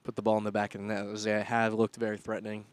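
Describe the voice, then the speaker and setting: A young man doing play-by-play commentary on a school soccer match, jumping up loudly when attacks build. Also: fairly low pitch, fast talker, clear, resonant tone, no room sound. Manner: excitable, rising loudly on attacks. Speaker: student sports commentator.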